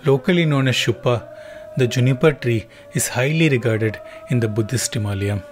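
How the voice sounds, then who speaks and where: A man narrating a travel documentary in a calm, even, scripted voice-over. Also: medium pitch, normal speed, slight background noise. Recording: voice-over with music underneath.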